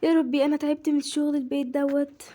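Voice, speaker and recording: A woman with an Egyptian Arabic accent voicing a worn-out young mother who fusses loudly over her child. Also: sits high, little pitch movement, fast, pitched above the performer's own voice, natural voice. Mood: fussing. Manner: loud, fussing, exasperated.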